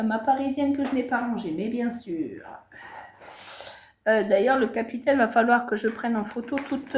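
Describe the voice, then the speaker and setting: A cross-stitch vlogger casually shows her viewers her stitching projects, hesitating a lot and correcting herself. Her voice is high, with slight background noise.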